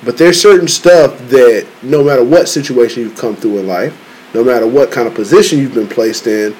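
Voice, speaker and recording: A man's voice: medium pitch, normal speed, low-quality recording. A man chatting casually in slangy frat-bro style, peppering his talk with "bro" and "man" and repeating phrases for emphasis. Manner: repeats phrases for emphasis, heavy "you know what I'm saying". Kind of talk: casual chat among male friends. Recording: steady background noise.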